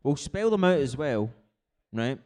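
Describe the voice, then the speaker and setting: A man's voice: medium pitch, sing-song, unhurried, a little mellow. A man hosting a live quiz in a casual way, explaining things informally with frequent check-in tags. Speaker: quiz host.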